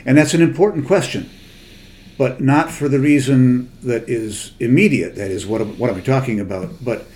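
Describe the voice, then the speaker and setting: An older man speaks in a mid-range, slightly mellow voice at a moderate pace. He's a literary translator appearing as a guest speaker, delivering a conversational lecture that is thoughtful and digressive, full of hesitations and self-corrections.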